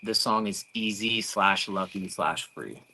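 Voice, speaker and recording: Young man, twenties, bright tense tone, casual livestream talk, reads chat comments. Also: lowish voice, a little slow, poor audio. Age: 20s. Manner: reads out viewer comments chattily. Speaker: livestream co-host.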